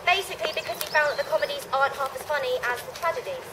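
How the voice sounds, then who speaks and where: A woman's voice: sits high, rapid-fire, distant mic, noisy background. A young woman narrating a comic stage show to a live audience with cheeky, playful asides. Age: young adult. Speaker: stage performer.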